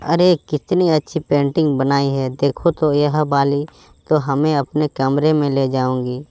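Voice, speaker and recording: Man voicing mother-in-law, storybook tale, chiding yet motherly, smooth voice, dry sound. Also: a little high, steady tone, unhurried, mellow, no echo, lightly acted. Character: mother-in-law, fussy then kindly. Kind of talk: storybook voice acting.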